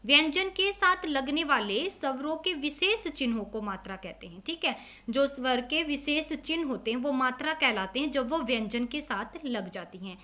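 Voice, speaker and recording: A woman teacher giving a lesson to young children, explaining step by step, asking questions and answering them herself, and saying example words slowly and clearly. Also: high voice, lively intonation, bright, forceful tone. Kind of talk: online class lesson for children.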